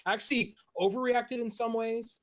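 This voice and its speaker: Male host, casual and explanatory, higher pitched. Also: fairly even intonation, normal speed. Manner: chatty, laughs often, explains step by step. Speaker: streamer and podcast host. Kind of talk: casual chat.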